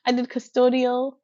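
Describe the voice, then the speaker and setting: A woman with a New York accent, talking casually as a podcast guest about her work as a fashion designer, chatty and quick to laugh. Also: high-pitched, dark tone, muffled recording. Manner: chatty, laughs easily, quotes her own thoughts.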